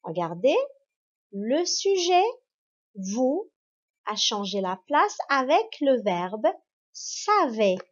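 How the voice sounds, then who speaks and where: A woman teacher giving a grammar lesson to children, speaking in a slow, spelled-out and encouraging way. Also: fairly high pitch, very animated. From Morocco. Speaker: primary school teacher. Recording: dull lo-fi recording.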